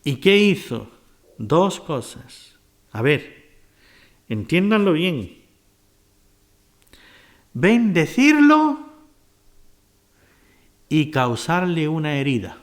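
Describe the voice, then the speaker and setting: A man's voice: on the high side, very animated, very slow, long pauses. A man preaching a sermon, retelling scripture stories and asking his listeners rhetorical questions.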